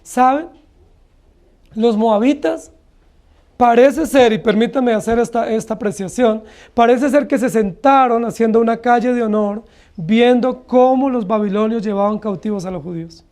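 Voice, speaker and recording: A man's voice: very high voice, moderate pace, a little mellow. A man with a Colombian accent preaching an expository sermon as a pastor, earnestly asking the congregation one rhetorical question after another. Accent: Colombian Spanish.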